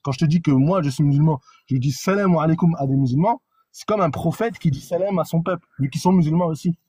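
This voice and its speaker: Husky, dark-voiced man arguing insistently. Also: a little high, fast, dry recording. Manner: insistent, lecturing, repeats himself. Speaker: caller in a debate. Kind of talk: heated live debate.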